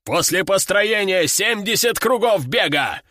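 A man's voice: high voice, sing-song, no echo, clean studio sound, exaggerated voice. A man doing a bellowing army general. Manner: barking, drawn-out shouting. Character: loud bullying male army general, hot-tempered. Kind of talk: audiobook character voice.

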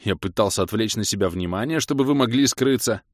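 A man's voice: fairly low pitch, fairly quick, dry recording, studio quality, close to an everyday voice. A man voicing a gloomy male prisoner who drawls sadly and protests his innocence, in an audiobook. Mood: glum.

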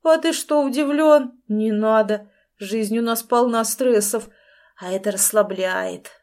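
A gloating male crook, voiced by a woman reading an audiobook sneers through his threats with easy, mocking confidence. His lines land louder and a touch higher than the plain narration around them. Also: a little slow. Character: smug, menacing middle-aged male crook.

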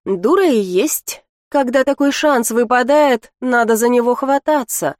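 A woman's voice: a little high, a little slow, a little mellow, dry recording, studio quality, lightly acted. A woman voicing a catty, scornful young female student in an audiobook, mocking and dismissive.

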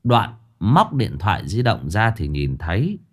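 A man narrates a story. His delivery is expressive and playful, with a pitch that rises and falls freely. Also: unhurried.

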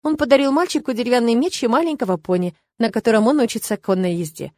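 A woman narrating an audiobook in an even storytelling manner. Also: on the high side, fast talker, no room sound. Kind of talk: scripted narration.

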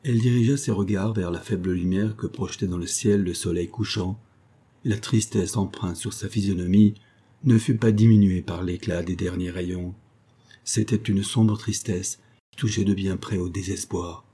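A man narrating a novel as an audiobook, in a measured storytelling manner. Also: low voice, fairly even intonation, warm tone, slightly rough. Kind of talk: scripted narration.

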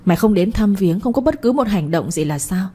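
Woman reading a vengeful village man, hard quick threats, dark husky voice. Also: mid-range voice, lively intonation. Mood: threatening. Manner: threatening, fast and angry. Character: grieving vengeful young village man Lập.

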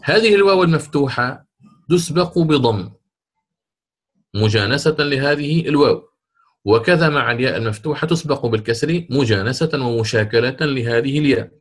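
Man teaching tajweed, drawn-out examples. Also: mid-range voice, lively intonation. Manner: slow, drawn-out example words, repeats for emphasis. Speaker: Quran recitation teacher. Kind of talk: explaining tajweed rules in a lesson.

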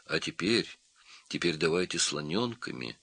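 A gentle little elephant calf counts his steps with a sigh, as a man voices him. He speaks slowly and earnestly, his pitch rising and falling. The sound is dry and close. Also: expressive, gravelly, breathy edge, no echo, exaggerated voice. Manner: slow, sighing and earnest. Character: small, gentle male baby elephant. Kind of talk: storybook reading.

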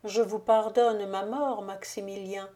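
A woman voicing the ghost of a dead countess in an audiobook, speaking gravely, solemnly and softly. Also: medium pitch, fairly even intonation, a little slow, lightly acted. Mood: solemn, hushed. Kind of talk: audiobook reading.

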